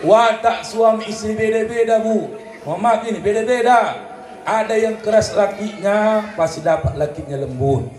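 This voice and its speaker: A man's voice: high voice, normal speed. A man preaching a comedic sermon at a religious celebration, with a North Sumatran accent, joking and acting out quarrels between couples. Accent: North Sumatran Indonesian. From North Sumatra, Indonesia. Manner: lively, joking, acts out quarrels, sings snatches. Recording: echoey hall with faint noise.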